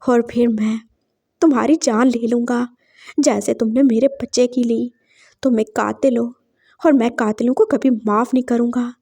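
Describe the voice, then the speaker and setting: A woman's voice: a little high, fairly even intonation, moderate pace, mellow. A woman voicing a young man who swears revenge while playing sweet, in a fan fiction story read aloud. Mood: bitter vengeful. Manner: bitter, threatening inner monologue. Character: young man, vengeful, sweet to his face.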